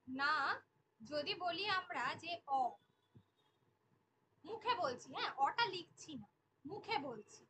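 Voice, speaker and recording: A woman's voice: extremely high pitch, expressive, slow, pauses often, a bit bright, slight background noise, low-quality recording. A woman teaching an online exam-prep class, repeating each key definition and asking the class questions. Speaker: Bengali teacher.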